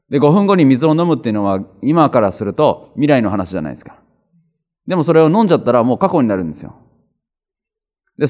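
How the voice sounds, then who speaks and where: A man's voice: lowish voice, a little mellow. A man giving a conversational Bible teaching as a pastor, explaining with everyday examples and reading scripture passages aloud. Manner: reads scripture aloud slowly, repeating references.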